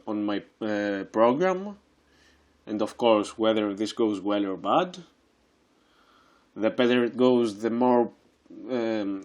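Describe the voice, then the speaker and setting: Man, 20s, from Greece, podcast host, slow, halting, lots of fillers and restarts. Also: mid-range voice. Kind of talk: casual solo podcast monologue.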